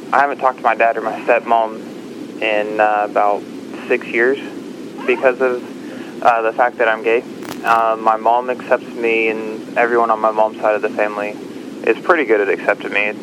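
A young man who grew up in Texas answers an interviewer's questions. He speaks haltingly and fills pauses with uh. His voice sits low, and clear noise runs behind him on the line. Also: fairly even intonation. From Kansas-born, raised in Texas. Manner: halting, with frequent uh fillers. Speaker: guest, active-duty Marine.

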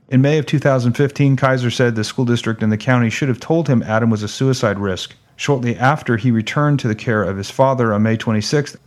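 A man hosting a radio news show, reading headlines and event listings in a measured announcer's delivery, then interviewing a guest. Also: medium pitch, a little mellow.

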